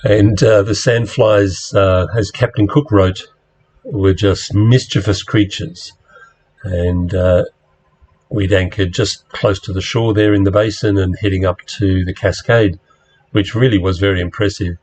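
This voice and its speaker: A man giving a rambling, relaxed slide-show talk to a club, with plenty of fillers as he steps through his pictures. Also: low voice, measured pace, a little hiss or hum. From Australia. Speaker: club presenter.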